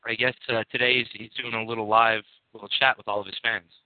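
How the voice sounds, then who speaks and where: A man's voice: on the low side, little pitch movement, fast, no echo. A man calling in over a phone line, talking hesitantly with many fillers. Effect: heard over a phone line. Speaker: caller. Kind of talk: casual chat. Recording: narrow phone-line sound, dry.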